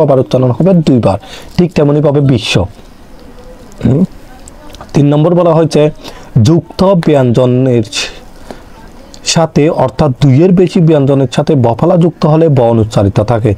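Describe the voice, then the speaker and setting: A man's voice: medium pitch, dark tone. A young man tutoring online, explaining a grammar lesson step by step and answering his own questions. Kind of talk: exam-prep grammar lesson.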